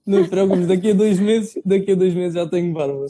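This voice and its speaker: A man's voice: high voice, a little fast, mellow. A man with a European Portuguese accent, a guest chatting in a joking, slangy way and repeating his phrases. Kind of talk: casual banter.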